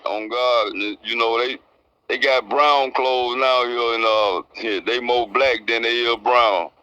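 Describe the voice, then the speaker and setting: A man's voice: mid-range voice, fairly even intonation, measured pace, sharp tone, clean tone, no echo, muffled recording. A man in his sixties with a Southern Alabama accent, answering interview questions in a plainspoken, colloquial way. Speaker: interviewee, prison inmate. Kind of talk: casual interview answers, recounting experience.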